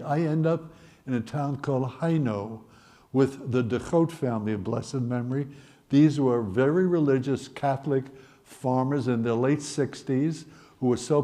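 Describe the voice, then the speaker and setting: A man in his eighties from the Netherlands, telling his life story in a wry, gently humorous way. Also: medium pitch. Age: 80s. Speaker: Holocaust survivor speaker. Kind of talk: personal storytelling talk.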